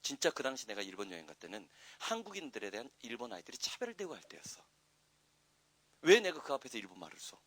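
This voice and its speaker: A man teaching an English grammar class, chatty and wandering into asides, then loud and emphatic when he explains the rules. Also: medium pitch, huge pitch swings, fast talker, dry recording. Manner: rambling, chatty asides with frequent "응?" checks. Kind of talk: classroom lecture.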